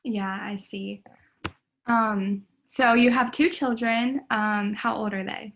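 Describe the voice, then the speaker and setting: A woman's voice: mid-range voice, fairly even intonation, slow pace, a bit bright. A young woman running a student clinical interview, friendly and tentative, with frequent ums.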